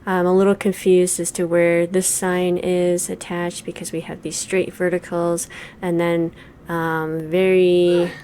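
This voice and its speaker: There's slight background noise as a woman in her forties, a game reviewer, talks casually and thoughtfully through her let's play session with plenty of ums and likes. Her voice is lowish and a little mellow.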